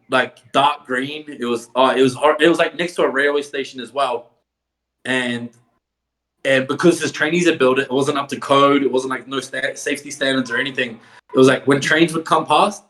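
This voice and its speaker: A man's voice: medium pitch, steady tone, brisk, fairly bright tone. A man, a wrestler guest, telling stories casually. He swears freely, laughs often, and fills his speech with "like". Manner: swears a lot, laughs often, filler-heavy "like". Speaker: professional wrestler, podcast guest. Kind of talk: casual storytelling.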